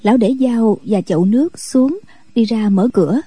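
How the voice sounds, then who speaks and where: A woman narrating a story for radio in a steady, measured voice. Her tone is very dark and mellow with a husky edge, somewhat higher than most women, and recorded dry and close. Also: no echo.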